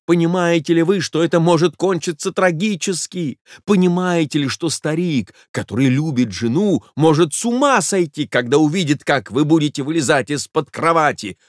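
A man's voice: on the high side, moderate pace, few pauses, dry recording, studio quality, lightly acted. A man voicing a cocky young man who scolds in a mocking tone. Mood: scolding.

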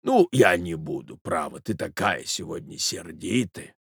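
A man voicing a frail, fussy old husband who mumbles slowly and coughs. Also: low-pitched, animated, creaky, slightly rough, no echo, studio quality, pitched below the performer's own voice, full character voice.

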